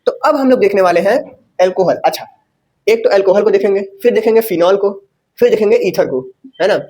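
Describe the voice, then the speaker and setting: A man's voice: sits high, animated, a little fast, darkish tone. A man. He talks in a chatty way, throws rhetorical questions at his students and corrects himself as he writes. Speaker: teacher. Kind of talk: casual chalkboard lecture.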